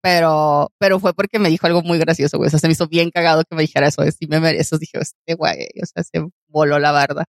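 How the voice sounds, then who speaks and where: A woman's voice: deep voice, fairly even intonation, fast, hardly any pauses, no room sound, studio quality. A young woman with a Mexican Spanish accent chatting casually and telling anecdotes in slangy speech, often laughing. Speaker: podcast co-host. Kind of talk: casual chat, storytelling.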